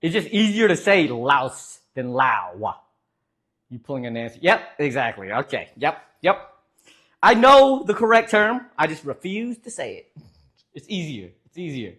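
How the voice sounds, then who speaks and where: A man's voice: a little high, sing-song, measured pace, a bit bright. A young man streaming live, chatting casually with viewers in a joking, rambling way with lots of fillers.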